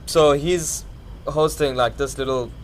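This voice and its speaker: A man's voice: mid-range voice, a little slow. Casual man, noisy recording. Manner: loose, slangy, rambling, often chuckling. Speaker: musician, podcast guest. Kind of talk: casual interview chat.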